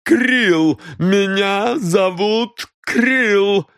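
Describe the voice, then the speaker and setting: A man's voice: high voice, extremely slow, fairly bright tone, clean tone, no echo, clean studio sound, voice pushed up, heavily acted. A man voicing a furious, defiant middle-aged woman who shrieks her indignant outbursts. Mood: desperate.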